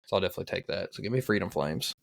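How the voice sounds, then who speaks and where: Gravelly low-voiced man, rambling podcast co-host. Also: lively intonation, rapid-fire. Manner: hesitant, rambling with fillers. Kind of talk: casual chat.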